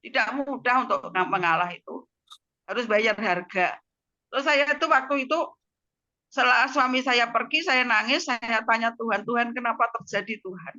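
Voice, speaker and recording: Woman, Javanese accent, bright emotional testimony, dull lo-fi video call sound. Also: fairly high pitch, normal speed. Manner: emotional storytelling, frequent tag words. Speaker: guest giving a testimony.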